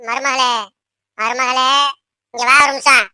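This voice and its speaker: A woman's voice: high voice, little pitch movement, unhurried, sharp tone, no room sound, full character voice. A bossy old mother-in-law. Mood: scolding. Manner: scolding, domineering. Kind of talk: cartoon voice acting.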